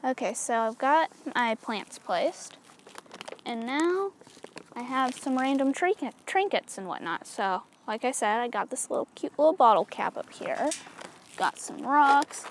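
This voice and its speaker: Walking viewers through a hands-on craft, this woman keeps things casual and chatty, full of small fillers. She pitches high and sounds animated while keeping a measured pace, and there's slight background noise.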